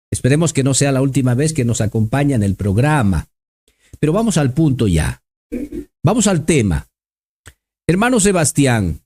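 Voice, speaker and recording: A man's voice: fairly high pitch, a little mellow. A man hosting a religious interview program, courteous and often repeating his phrases.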